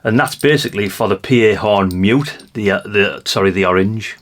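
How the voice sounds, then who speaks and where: Speaking at a moderate pace in a lowish voice, this British man rambles through a show-and-tell of vintage CB radios he's picked up. He thinks aloud and tosses chatty remarks to his audience.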